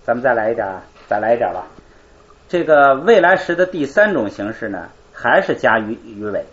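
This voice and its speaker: Man teaching grammar in lively tones. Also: mid-range voice, brisk, dull audio. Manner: explains by asking and answering his own questions. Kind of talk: live classroom lesson.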